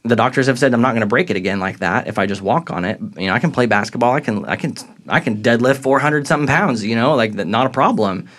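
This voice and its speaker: A man's voice: mid-range voice, quick pace, few pauses. A young man telling his faith story as a podcast guest, earnest and reflective. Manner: earnest, reflective, grows excited retelling moments. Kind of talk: faith testimony in casual conversation.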